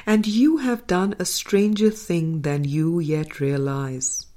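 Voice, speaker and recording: Reading from a spiritual book, a low-voiced woman takes her time, speaking softly and deliberately and breaking off between passages to comment. Her phrases often fade away into a gentle, quiet finish, giving a measured audiobook feel.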